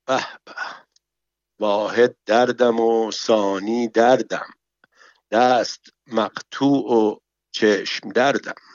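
A man's voice: medium pitch, dry recording, lo-fi sound, voice pushed up, natural voice. A man reading a story, voicing a nervous man in disguise who stammers through fumbling broken Arabic. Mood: panicky. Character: nervous man disguised as a bath attendant, flustered.

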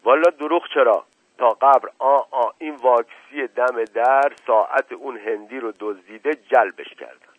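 A man's voice: mid-range voice, slight background noise, natural voice. A male narrator voicing a talkative, boastful old rustic servant with a folksy drawl full of stock hesitations, in a storybook reading. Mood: eager. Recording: tinny narrow-band radio sound, dry.

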